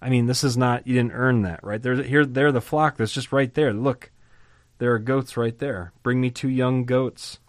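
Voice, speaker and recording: A man teaching through a Bible chapter in a lively, conversational way, asking rhetorical questions and chuckling now and then. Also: medium pitch, normal speed, dry recording, studio quality.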